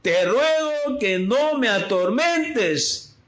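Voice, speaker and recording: A preacher voicing a tormented male demon who cries out and begs, drawn out and loud. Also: animated, very slow, full character voice. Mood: pleading. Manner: crying out high and loud, drawn out.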